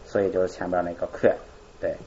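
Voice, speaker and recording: A man's voice: sits low, level tone, fast talker, dark tone, muffled recording. A male teacher explaining grammar in a live class, asking questions and answering them himself.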